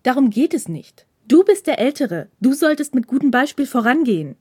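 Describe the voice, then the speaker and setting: A woman's voice: high voice, sing-song, fairly quick, darkish tone, husky, no room sound, clean studio sound, voice pushed up, full character voice. A woman voicing a cold, stern male dorm head who talks in clipped, icy orders.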